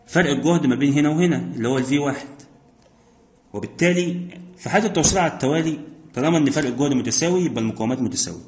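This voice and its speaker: A man with a fairly high-pitched voice and an Egyptian Arabic accent teaches physics, working through exam problems step by step. He asks himself questions and answers them as he goes, and the recording carries a roomy echo.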